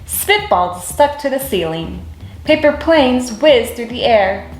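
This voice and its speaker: A woman reading a children's picture book aloud with expressive storytelling. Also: fairly high pitch, takes it slowly, reverberant, faint music behind, rough recording.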